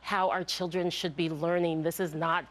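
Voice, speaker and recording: A woman's voice: on the low side, flat delivery, normal speed, a little hiss or hum. A woman speaking as a political commentator in a live TV debate, firm and emphatic, building her points in lists. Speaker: political strategist, debate guest.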